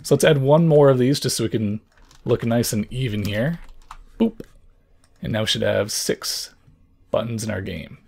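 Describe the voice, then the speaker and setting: A young man with a hoarse, worn voice, hosting a casual programming tutorial and thinking out loud as he explains. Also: medium pitch, moderate pace, pauses often. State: hoarse from lost voice.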